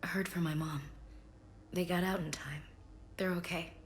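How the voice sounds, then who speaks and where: An actress playing an earnest, proud and grieving female soldier in a video game, with a slightly gravelly voice. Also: fairly low pitch, fairly even intonation, normal speed, a little hiss or hum, natural voice. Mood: quiet, grieving. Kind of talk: video game dialogue acting.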